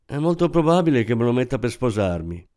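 A man's voice: medium pitch, sing-song, a little fast, warm tone, lightly acted. A man voicing a shy, guarded young woman who answers curtly and reluctantly. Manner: curt, reluctant replies.

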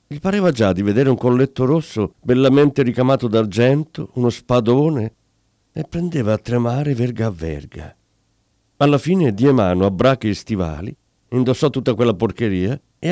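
A man reading a classic tale aloud in a theatrical, expressive storytelling manner. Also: medium pitch, dry recording, clean studio sound. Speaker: narrator.

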